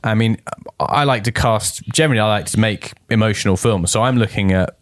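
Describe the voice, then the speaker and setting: A man hosting a filmmaking podcast, his voice low and relaxed. He keeps things chatty and steers the talk with easy segues. The sound is dry and close. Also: fairly quick, no echo. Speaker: podcast host. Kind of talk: casual podcast conversation.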